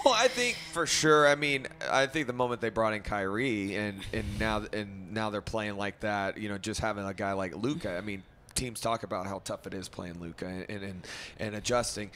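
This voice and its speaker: A man co-hosting a casual sports podcast, enthusiastic and halting, often restarting his sentences. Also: on the low side, fairly even intonation, fairly bright tone, a little hiss or hum. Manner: enthusiastic, halting, repeats himself. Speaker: podcast co-host.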